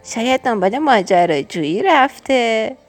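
A woman's voice: on the high side, expressive, faint music behind. A woman voicing a young boy turtle in a storybook reading, in a raised childlike voice. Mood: gentle. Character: young boy turtle, sulky then glad.

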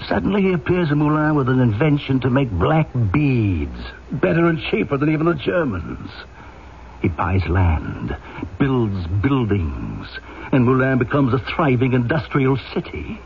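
An actor playing a brooding, obsessive police inspector, grave and emphatic, in old-time radio drama style. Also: male voice, medium pitch, wildly swooping pitch, unhurried, gravelly, full character voice. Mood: insistent suspicion. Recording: tinny, hissy old radio recording.

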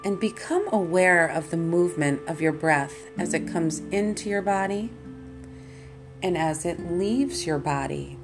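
A woman leading a guided meditation as host and teacher, in a calm, soothing, meditative manner. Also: lowish voice, unhurried. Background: plucked guitar music.

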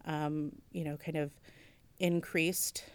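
A woman's voice: low voice, flat delivery, slow pace. A woman museum curator answering interview questions, thoughtful and hesitant, with many fillers and restarts. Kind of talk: interview conversation.

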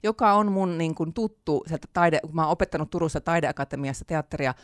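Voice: medium pitch, no room sound, studio quality. Chatty laughing author speaker. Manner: chatty, many fillers, laughs often. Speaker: author and theatre teacher, interview guest. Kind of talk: casual interview chat.

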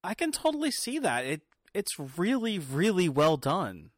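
A woman in her thirties in casual chat, animated and laughing often. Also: lowish voice, measured pace, dry recording, studio quality. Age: 30s.

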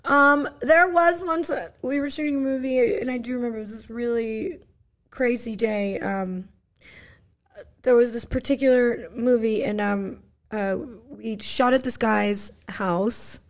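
A woman's voice: a little high, unhurried. A woman guest on a podcast, telling a story from her film career in a rambling, casual way, full of fillers and restarts.

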